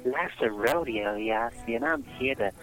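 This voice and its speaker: A woman's voice: extremely low pitch, unhurried, low-quality recording. A woman calling in to a comedy show, talking in a flirty, brassy, sassy way. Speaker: caller. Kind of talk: comedic call-in banter.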